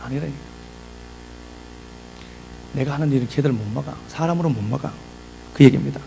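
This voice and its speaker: Gravelly pastor giving a chatty sermon. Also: male voice, mid-range voice, a little fast, noisy background. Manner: conversational preaching, reads scripture and breaks into casual asides. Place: church.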